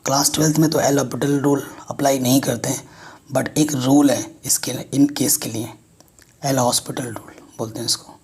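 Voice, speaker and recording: A man gives a math lesson at a board. He explains step by step and keeps checking that students follow. His voice is husky and noticeably rough. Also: medium pitch, fairly even intonation, moderate pace, darkish tone. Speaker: math teacher.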